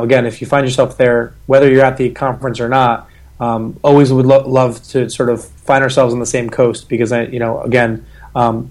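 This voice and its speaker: A man with a scratchy, sick voice, a guest rambling through a podcast interview with many restarts. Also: medium pitch. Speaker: guest, agency founder.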